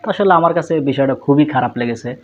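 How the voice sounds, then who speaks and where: A man's voice: medium pitch, fast talker. A man hosting an online video, presenting news commentary to his viewers. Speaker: video host. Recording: slightly muffled, faint background noise.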